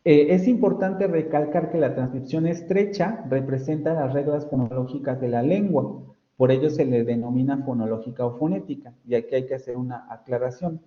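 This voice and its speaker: A man with a Mexican Spanish accent, a university professor giving an online phonetics lecture, explaining patiently and correcting himself often. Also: on the high side. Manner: explanatory, self-correcting, frequent fillers. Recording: roomy, dull lo-fi audio.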